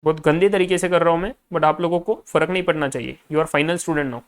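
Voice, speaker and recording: A man's voice: fairly high pitch, fairly even intonation, fairly quick, smooth. A male finance lecturer in a recorded class, adding up figures aloud half to himself and coaching students directly.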